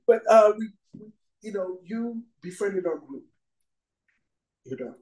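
A middle-aged man with a somewhat high voice speaks at length as a guest at a recovery meeting. He rambles and keeps dropping "you know" between his thoughts. The recording sounds roomy, with a clear echo around him. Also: expressive, measured pace, warm tone. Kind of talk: personal recovery talk.

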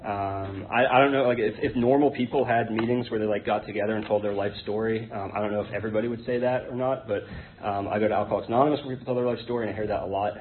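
This hesitant, rambling guest speaker at an AA meeting is an American man in his thirties, born in Hong Kong to an English identity and brought up in Connecticut, haltingly and informally recounting his personal story to the group. His voice runs low and fairly even in intonation, and the noisy recording has a tinny, phone-like sound.

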